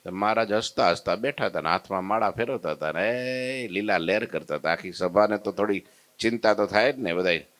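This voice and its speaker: A man's voice: low-pitched, a little fast, a bit bright. A man narrating a devotional story sermon in a vivid, dramatic way. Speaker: religious storyteller.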